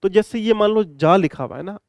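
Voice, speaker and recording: Man, exam-prep vocabulary lesson, chatty and repetitive, high-pitched, dry close sound. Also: fairly quick, vocal fry, darkish tone, no echo. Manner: chatty, repetitive, addresses students affectionately. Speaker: English teacher.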